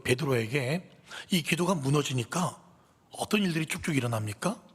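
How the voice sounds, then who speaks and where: Husky male preacher in a reverberant hall. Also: a little high. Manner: dramatic, drops to whispers then rises for emphasis; asks the listeners many rhetorical questions. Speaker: pastor. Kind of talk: sermon. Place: church sanctuary.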